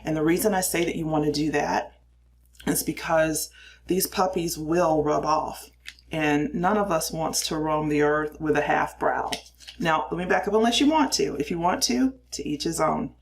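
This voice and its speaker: An older woman with a low, gravelly voice speaks at normal speed while casually walking through her makeup routine in a cramped little space. Reviewing makeup, she explains each step and pokes fun at herself.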